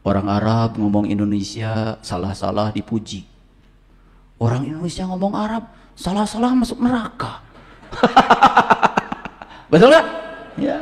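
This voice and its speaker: A man's voice: a little slow, long pauses. A male preacher giving a humorous sermon, joking and quizzing his audience with questions. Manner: lively, rising to high emphatic pitch. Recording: long hall reverb.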